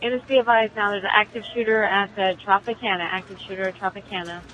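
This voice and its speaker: A woman police dispatcher giving flat, businesslike reports over a scanner radio. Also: mid-range voice, quick pace, slight background noise. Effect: police scanner radio transmission. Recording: dull, dry radio audio.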